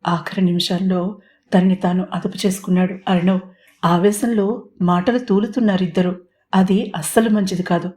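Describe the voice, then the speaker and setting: Woman reading a love story audiobook, smooth and expressive, mellow warm voice. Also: fairly low pitch, normal speed. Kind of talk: scripted audiobook narration.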